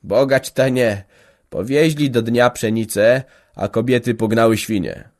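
A man voicing an older peasant farmer, shrewd and guarded, speaking slowly and tersely in rural dialect. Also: medium pitch, close to an everyday voice. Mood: grumbling. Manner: slow, terse, dialect speech.

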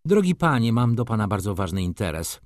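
A man's voice: on the low side, big pitch swings, fairly quick, dry recording, studio quality, voice pushed up. A man reading an audiobook, voicing a haughty, capricious society lady who talks in an offended, reproachful, coquettish way.

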